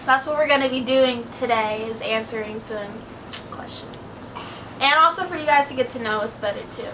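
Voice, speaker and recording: A woman's voice: on the high side, moderate pace. A twenty-year-old woman co-hosting a casual Q&A vlog, easygoing and saying "um" often. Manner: easygoing, frequent ums. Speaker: vlog co-host. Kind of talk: casual Q&A chat. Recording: distant mic with steady background noise.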